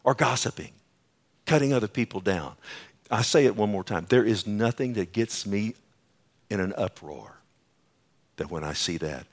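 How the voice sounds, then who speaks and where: A pastor preaching a sermon at a pulpit microphone in a church, emphatic, putting questions to the congregation. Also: male voice, on the low side, animated, moderate pace, pauses often.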